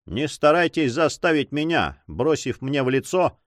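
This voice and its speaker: Male narrator doing a proud buccaneer captain, short-tempered, dry close sound, lively delivery. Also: a little high, no room sound. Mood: scornful. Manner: proud, quick to anger.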